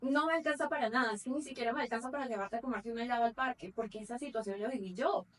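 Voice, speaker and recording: Woman in her 30s, podcast chat, thoughtful and earnest, higher voice a bit off the mic. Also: very fast, fairly bright tone, far from the mic. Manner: reflective, earnest, talks at length with self-corrections. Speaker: podcast co-host. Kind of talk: casual chat.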